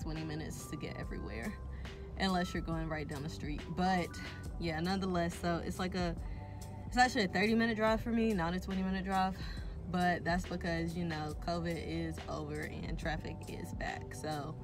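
A woman's voice: lowish voice, fairly even intonation, moderate pace. Chatty slangy young woman vlogging from a car. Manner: chatty, slangy, self-deprecating, rambling. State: slightly out of breath. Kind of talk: casual driving vlog chat. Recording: clear background music.

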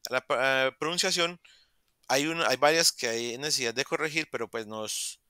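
A man's voice: mid-range voice, a little fast, sharp tone, clear, resonant tone, dry recording, studio quality. A man, teaching English in a virtual class and patiently repeating words to model pronunciation. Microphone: video call.

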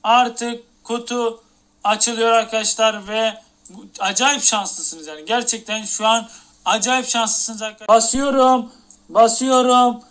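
This male game streamer talks with a strikingly high, smooth voice that barely moves in pitch. He loops the same short lines over and over with a hyped countdown energy. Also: a bit bright. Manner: repetitive, hyped countdown talk. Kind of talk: live game-stream chatter.

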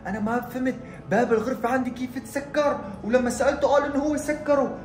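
Man, high voice, excitable, feigned fear, horror vlog, echoey room. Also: quick pace, soft background music. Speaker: vlogger. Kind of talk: horror prank vlog narration. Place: room at home.

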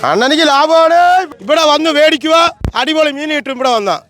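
Male fish hawker, Kerala Malayalam accent, very high voice, repetitive selling calls and haggling at an open-air market. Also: lively intonation, normal speed, a bit bright, slight background noise. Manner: repetitive hawking chant. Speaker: fish seller. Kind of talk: street vendor calling out and haggling. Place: outdoor beach fish market.

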